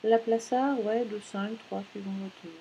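A woman's voice: medium pitch, steady tone, a little slow, warm tone, highs cut off, a little hiss or hum. A woman in her thirties chatting casually at home as a knitting vlogger, rambling with many fillers and self-corrections. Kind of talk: casual chat.

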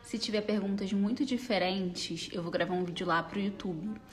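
A woman's voice: medium pitch, moderate pace, soft background music. A young woman youtuber talking to her followers in a bubbly manner, laughing easily. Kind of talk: casual phone stories.

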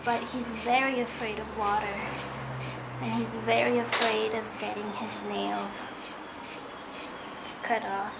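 With a fairly high, level, creaky voice, a dog groomer talks unhurriedly and pauses often as she works. The hands-on vlog chat is rambling and a bit hesitant, and the recording is very noisy with radio music in an indoor room with a metal tub.

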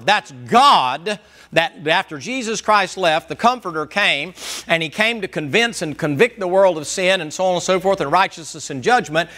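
A man's voice: high voice, sharp tone. A man preaching a Sunday school sermon in a folksy, joking and emphatic way.

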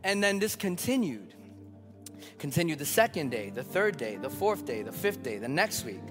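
A man's voice: on the high side, big pitch swings, normal speed, big-room sound, over music. A man in his thirties preaching a sermon, emphatic and building with repeated phrases, telling a story from his own family life. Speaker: pastor. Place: church sanctuary.

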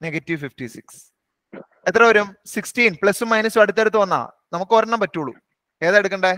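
A man teaching an online maths class. His voice is high and bright, and he talks quickly. The sound is close and dry, with no room around it. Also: no echo. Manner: brisk, coaxing, teasing students by name. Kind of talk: live online class, questioning students.

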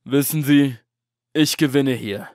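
A man voicing a cold, scheming middleman in a horror audiobook, clipped and commanding with a quiet menace. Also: medium pitch, takes it slowly, no room sound, studio quality, lightly acted. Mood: smug. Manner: clipped, commanding, coolly threatening. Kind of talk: audiobook drama acting.

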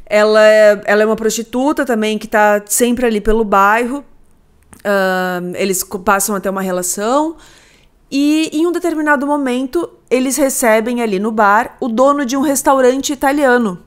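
A woman's voice: fairly high pitch, steady tone, normal speed, clean tone. A woman hosting a podcast, chatting casually and summarizing a film plot, with acted quotes. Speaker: podcast host.

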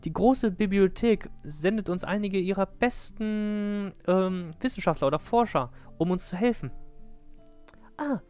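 A man playing a high, eager young heroine. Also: unhurried, clean tone, soft background music. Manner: high, loud, stumbling reading. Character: eager young heroine leading her village. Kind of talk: live-read game dialogue.

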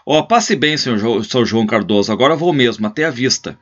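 A man's voice: medium pitch, lively intonation, fairly quick, a bit bright. A man voicing a courteous male traveler who keeps trying to leave, in a story reading. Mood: politely impatient. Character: polite impatient male traveler, visiting guest. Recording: slightly muffled lo-fi recording.

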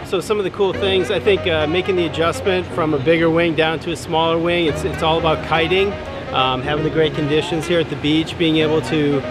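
A man in his forties from New Hampshire describes his training in an upbeat, detailed way, outdoors on a beach. His voice sits a little high, and loud music plays beneath. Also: steady tone, brisk. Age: 40s. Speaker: paramotor student. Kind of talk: testimonial to camera.

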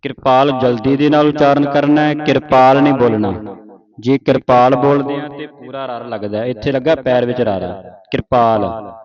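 A man teaching scripture pronunciation in a slow, patient line-by-line recitation lesson, with a Punjabi accent. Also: medium pitch, lo-fi sound, a crowd in the background. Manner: patient, repeats each word slowly for the student.

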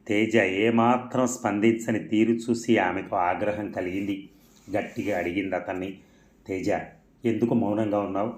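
A man reading a novel aloud as a storyteller, in a steady, plain narrating manner. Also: lowish voice. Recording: roomy echo.

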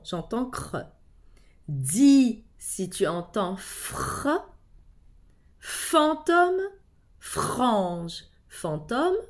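A woman teacher leads a reading lesson for young children at a very slow, deliberate pace. Her fairly high voice rises and falls with lively movement. She patiently speaks to the child directly and repeats each word twice. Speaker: primary school teacher.

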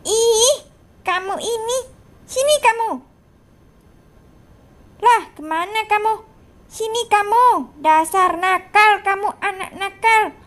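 A woman's voice: very high voice, measured pace, a bit bright. A woman voicing a strict, scolding male schoolteacher in a game role-play. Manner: scolding, bossy.

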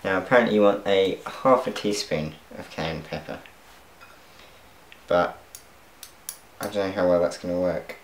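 This cooking vlogger is a young man with a low voice who talks at a moderate pace and pauses often. He chats to viewers while cooking at home and laughs at his own mistakes. The recording has slight background noise, kitchen echo, and a faint clatter of pans.

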